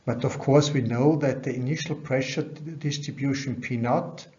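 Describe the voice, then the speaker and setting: In dull, band-limited webcam audio, a middle-aged man lectures on science over slides as a conference presenter. He sounds dull yet mellow, speaking at medium pitch and a moderate pace with fairly even intonation.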